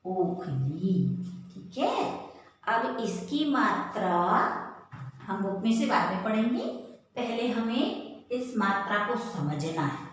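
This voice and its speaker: A woman teaching first graders in an online class, patiently and slowly sounding out syllables for the children. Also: fairly high pitch, animated, slight background noise. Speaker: primary school teacher. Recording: very echoey room.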